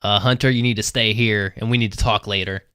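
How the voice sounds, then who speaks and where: A man's voice: lowish voice, steady tone, brisk, sharp tone, clean tone, no echo, studio quality. A man voicing a laid-back man who talks offhandedly while eating bread and mead. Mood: offhand.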